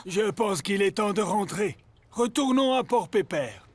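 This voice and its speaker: A man voicing a patient, kindly young fisher in a French children's cartoon, with a calm, reassuring manner. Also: sits high, a little slow, dry recording.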